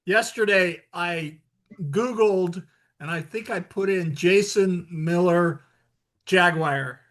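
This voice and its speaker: A male podcast host with a high, bright, forceful voice chats casually with his guest. He jumps in eagerly with questions and quick agreement. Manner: enthusiastic, quick interjections and questions. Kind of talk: casual interview chat.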